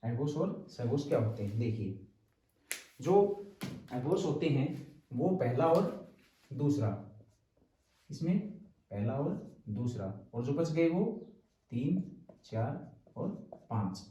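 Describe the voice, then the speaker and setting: Guy teaching a class, slow and patient, keeps repeating stuff, kinda far from the mic. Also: mid-range voice, dark tone, muffled recording, slight background noise. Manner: patient, repeats terms and checks in with "ठीक है". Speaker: Hindi teacher. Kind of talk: exam-prep lecture. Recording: roomy, distant from the mic.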